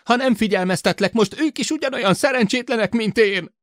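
A man voicing a bitter young man who shouts and hisses accusations in high, strained tones, in a spoken audiobook. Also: no echo, clean studio sound. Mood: shrill accusing. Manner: shouting, hissing, near-hysterical.

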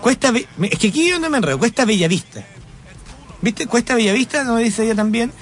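Joking Chilean radio host, higher voice. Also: male voice, lively intonation, fast talker. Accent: Chilean Spanish. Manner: joking, rambling, laughs at himself. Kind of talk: casual radio chat. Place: radio studio.

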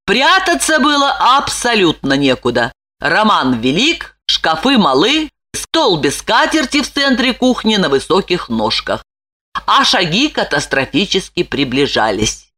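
A woman narrating an audiobook in an expressive way. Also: mid-range voice, measured pace. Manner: expressive, lively.

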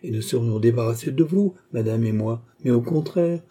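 A man reading an audiobook, voicing a suave masked nobleman who needles his rival with calm, polite irony. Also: mid-range voice, normal speed, soft background music. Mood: mocking. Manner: smooth, ironic, polite needling.

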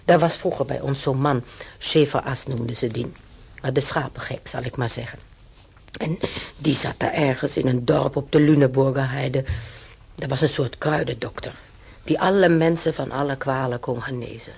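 In a radio play, an actor voices a chatty, stubborn old German-born man who rambles musingly through his memories, with hesitations and tag questions. His mid-range voice is gravelly and husky, steady in tone, at a normal speed, and the delivery is conversational.

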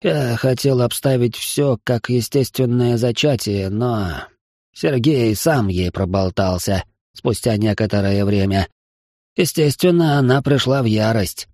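A man doing a worn-out old family doctor in an audiobook, his voice pitched a touch higher than the narration and dark, mellow in tone. He talks slowly and heavily, like a man weighed down by guilt. The recording is dry and close. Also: dry recording, lightly acted. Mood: confessing. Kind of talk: audiobook character voice.

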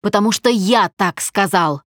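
A woman's voice: mid-range voice, moderate pace, no echo, clean studio sound, lightly acted. A woman voicing a domineering, jealous husband who speaks harshly and in clipped phrases.

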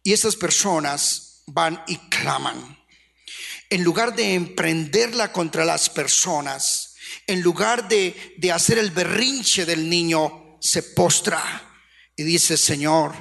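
High-voiced gravelly preacher in a reverberant church. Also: male voice, slow. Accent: Colombian Spanish. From Colombia. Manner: animated preaching with rhetorical questions and acted-out quotes. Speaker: pastor. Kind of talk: sermon.

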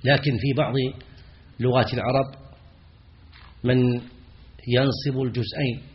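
A man teaching as a sheikh in a lecture. He asks his students questions and answers them himself, and he chants the example phrases slowly. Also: mid-range voice, fairly even intonation, muffled recording. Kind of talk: classroom lecture on errors in the call to prayer.

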